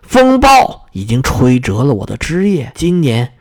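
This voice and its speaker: A man's voice: mid-range voice, wildly swooping pitch, a little slow. A man voicing a sorrowful frost-bitten rose tree.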